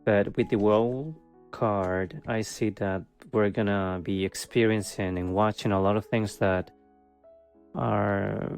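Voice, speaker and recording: A man doing a laid-back tarot reading, talking slowly and haltingly with plenty of ums. His voice sits a little low, and he keeps a wry, sarcastic edge. Soft music plays faintly behind him. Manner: hesitant, many fillers, laughs often, wry and sarcastic. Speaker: tarot reader. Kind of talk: casual monthly tarot reading.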